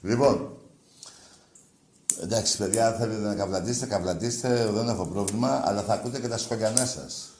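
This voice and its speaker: A man's voice: lowish voice, a little hiss or hum. Brash, crude-mouthed male radio host in a roomy studio. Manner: brash, crude and mocking, with sudden shouting bursts. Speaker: radio call-in show host. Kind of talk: rowdy sports call-in banter.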